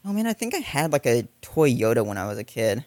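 A man's voice: mid-range voice, sing-song, fast talker, a little mellow, no room sound. A man joking and swearing casually as he comments on a film with a friend. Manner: jokey, swears a lot, acts out silly quoted voices. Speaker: co-host watching a film. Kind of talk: casual movie commentary chat.

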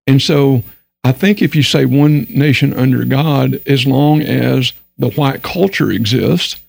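A Texas man with a matching accent talks in an unhurried, mid-range, gravelly voice, captured in a dry recording. As a panel guest in a candid discussion, he speaks earnestly and with emphasis, occasionally performing the voices he quotes.

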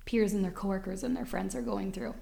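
A woman interviewing a guest, asking questions in a gentle, earnest way. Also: mid-range voice, fairly even intonation, quick pace, vocal fry. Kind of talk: conversational interview.

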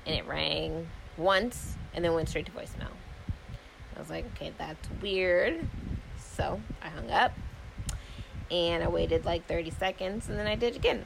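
A woman's voice: fairly low pitch, vocal fry, background noise. A young adult woman casually retelling a story, candid and profane, acting out both sides of phone calls in slangy, exasperated talk.

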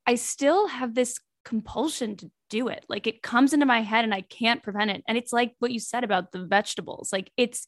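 A woman's voice: a little high, fairly bright tone, no echo, clean studio sound. A young woman in her twenties on a podcast panel, talking candidly and reflectively, with many likes. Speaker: podcast panelist, grad student. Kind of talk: casual podcast chat.

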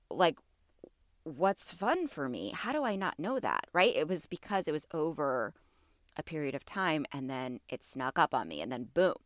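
With a lowish voice recorded in a clean studio without echo, a woman in her thirties hosts a wellness podcast. Her voice is slightly congested from allergies, and she talks casually and warmly to listeners, encouraging them and asking them questions.

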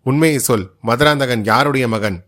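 A man's voice: mid-range voice, normal speed, a bit bright, lightly acted. A man voicing a stern male spy who threatens a captive for the truth.

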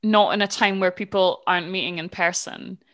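Brief: Scottish woman, podcast host, giggly and eager, relaxed conversational delivery. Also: fairly low pitch. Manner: giggly, eager, quick to laugh. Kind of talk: casual podcast chat.

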